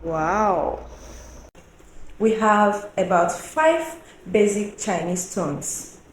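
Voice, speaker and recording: A woman teaching a Mandarin lesson, explaining slowly and deliberately, asking the viewer questions and singing out tone examples at a higher pitch. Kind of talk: online language lesson. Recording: roomy echo with faint background noise.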